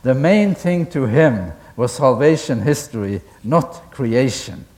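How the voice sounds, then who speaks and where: Man giving a deliberate academic lecture. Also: mid-range voice, expressive, darkish tone. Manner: deliberate, asks the audience questions, chuckles at own asides.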